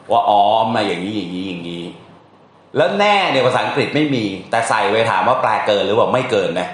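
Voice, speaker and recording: A man's voice: mid-range voice, fairly bright tone. A man teaches a translation class in a loose, chatty way. He repeats words and keeps checking that students follow. His voice bounces around a very echoey room. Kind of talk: classroom lesson.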